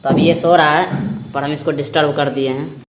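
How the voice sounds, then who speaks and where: A man's voice: a little high, flat delivery, normal speed, very noisy. A young man chatting casually through a vlog while walking his dog and studying, often repeating words as he calls the dog along. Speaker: vlogger. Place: outdoors on wet streets and at home.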